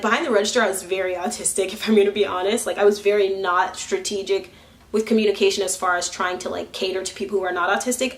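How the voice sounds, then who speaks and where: Chatty young woman vlogging candidly. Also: medium pitch. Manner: chatty, laughs often, acts out what others say; talks while curling her hair. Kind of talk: candid personal vlog.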